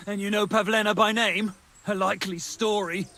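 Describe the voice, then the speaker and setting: An actor playing a menacing, panicky medieval hostage-taker in a video game, threatening and agitated, swearing coarsely. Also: male voice, high-pitched, steady tone, moderate pace, pushed and bright. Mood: angry, threatening. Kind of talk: dramatic video game acting.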